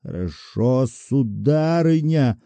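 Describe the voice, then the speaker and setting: A man's voice: on the high side, big pitch swings, measured pace, mellow, dry recording. A man voicing a nervous, worn-out bank chairman who talks languidly and moans. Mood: weary. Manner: languid, moaning, fretful.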